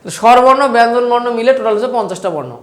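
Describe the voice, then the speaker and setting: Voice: mid-range voice, rapid-fire. A teacher with a Bangladeshi Bengali accent giving an online class lecture over slides, repeating points and asking questions that they then answer. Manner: repetitive, asks questions and answers them. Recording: roomy echo.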